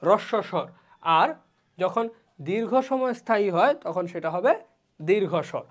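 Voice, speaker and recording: A teacher walks through an online class lecture step by step. The speaker asks questions and answers them, and sounds out each vowel slowly as an example. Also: medium pitch, animated.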